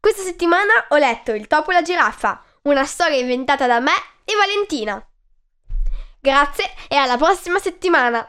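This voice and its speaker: A woman hosting a podcast, reading a children's story aloud in a slow, clear, expressive way. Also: sits high.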